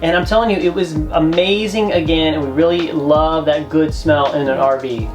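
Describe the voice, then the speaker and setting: A man's voice: a little high, steady tone, moderate pace, music in the background. A man co-hosting a travel vlog, giving tips in a chatty, joking, emphatic way. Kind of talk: casual how-to chat.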